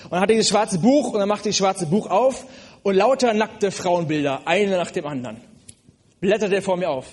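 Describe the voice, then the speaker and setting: A man delivers a sermon in a fairly high voice. He speaks earnestly and directly to his listeners, often pausing on hesitant fillers. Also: darkish tone. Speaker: preacher.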